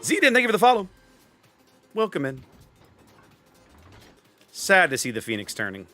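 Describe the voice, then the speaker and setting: A man streaming a game live chats with his viewers and gives opinionated commentary on his play. His high voice swoops wildly in pitch at normal speed, sounding pushed and bright, with faint game music underneath.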